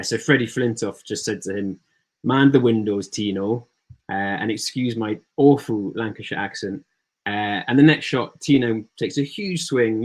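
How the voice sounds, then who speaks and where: A man with a fairly low voice walks through his slides on a video call. He talks in a relaxed way and leans on ums and uhs between points. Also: low-quality recording. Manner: relaxed, filler-heavy delivery. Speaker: startup founder giving a talk. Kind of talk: presentation with slides.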